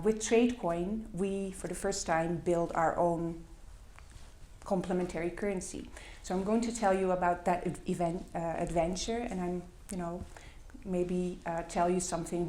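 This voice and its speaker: Speaking a non-native language with a Dutch accent, a middle-aged woman delivers a halting, filler-heavy conference talk with slides. Her voice is fairly low with a dark tone, and the echoey hall carries slight background noise.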